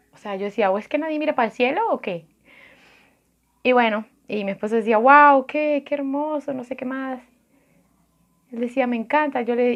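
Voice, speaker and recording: A Colombian woman recounts a personal story in a chatty, animated way, with a Colombian Spanish accent. She voices the people she quotes and drops into soft, near-whispered asides. Her pitch sits in the middle range for a woman. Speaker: vlogger. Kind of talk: casual storytelling.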